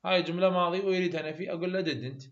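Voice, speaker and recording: A man's voice: high voice, rapid-fire, muffled recording. A man with an Iraqi Arabic accent teaching an English exam lesson, asking questions and answering them himself. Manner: explains by asking and answering his own questions.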